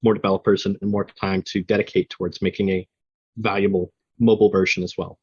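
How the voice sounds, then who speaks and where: Male interview guest, lowish pitch, conversational explainer, slightly muffled recording. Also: level tone, fast talker, slightly rough. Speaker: guest, software founder.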